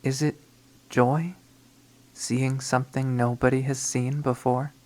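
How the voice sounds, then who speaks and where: Reading a visual novel dramatically in first person, a man gives voice to an obsessive, lovesick young woman turned killer. Her brooding monologue is hushed and mid-pitched with little pitch movement, paced slowly so lines hang, and only lightly acted.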